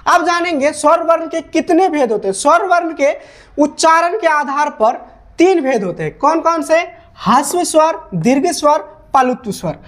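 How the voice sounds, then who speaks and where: Slightly high-voiced woman teaching at a board. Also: animated, moderate pace. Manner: asks rhetorical questions and answers them, repeats each definition. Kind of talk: whiteboard grammar lesson.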